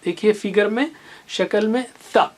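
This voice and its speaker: A teacher giving a recorded reading lesson, who talks slowly and patiently and carefully repeats each Arabic letter sound for the learner. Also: mid-range voice, darkish tone. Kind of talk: recorded lesson with memory stories.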